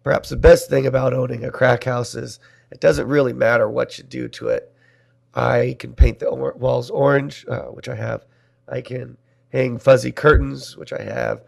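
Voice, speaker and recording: A man from Nebraska hosts a solo podcast, talking wryly and with self-deprecation. His voice is heavily gravelly and full of fry, and it sounds strained as he recovers from being poisoned. His pitch sits in an ordinary middle range. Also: little pitch movement, moderate pace. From Nebraska, USA. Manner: wry, self-deprecating, talks about his own voice. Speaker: podcast host.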